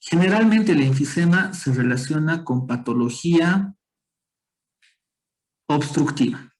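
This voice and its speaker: A man's voice: fairly high pitch, lively intonation, unhurried, poor audio. A man teaching a medical class online, explaining step by step and calling on students with questions. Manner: explanatory, quizzes students, frequent tag questions. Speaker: medical lecturer.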